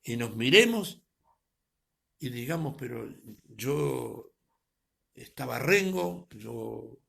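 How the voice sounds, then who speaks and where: A man preaching, his voice heavily gravelly and husky. He swells to loud, emphatic peaks, then lets words drop to a near murmur. His pitch sits in an ordinary middle range. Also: animated, takes it slowly. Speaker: pastor. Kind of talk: sermon. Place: preaching to an online audience.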